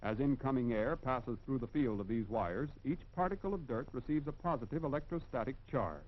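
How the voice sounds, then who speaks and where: An American man narrates in the style of a 1940s educational industrial film. His delivery is formal and instructive, with measured emphasis at a medium pitch. The sound is that of a dull, band-limited old film soundtrack.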